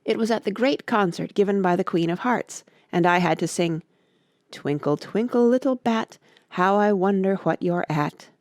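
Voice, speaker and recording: A woman's voice: medium pitch, moderate pace, darkish tone, no room sound, studio quality, close to an everyday voice. A woman voicing an eccentric, touchy, mournful male Hatter from a storybook, with an argumentative, lecturing manner. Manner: contemptuous, argumentative, given to lecturing.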